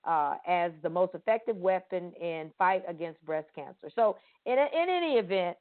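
A woman's voice: lowish voice, animated, moderate pace. A middle-aged woman from Florida hosting a faith-based podcast interview, earnest and enthusiastic, often repeating words for emphasis. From Pensacola, Florida. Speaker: podcast host. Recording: tinny phone-like sound.

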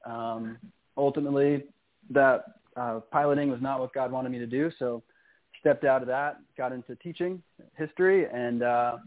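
Earnest young man on a phone line. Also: mid-range voice. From New York. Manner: earnest, hesitant with many ums. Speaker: guest. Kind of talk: phone-in radio interview. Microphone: phone call.

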